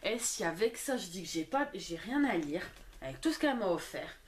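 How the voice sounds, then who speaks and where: Excitable young woman opening gifts. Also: lowish voice, fairly quick. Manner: excitable, gushing, full of exclamations. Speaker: book blogger. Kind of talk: casual unboxing chat.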